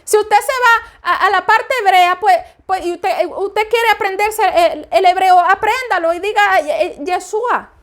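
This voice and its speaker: A woman's voice: very high voice, moderate pace, hardly any pauses, a bit bright. A woman preaching an informal spoken sermon, emphatic and repeating each point several times. She speaks her native Spanish.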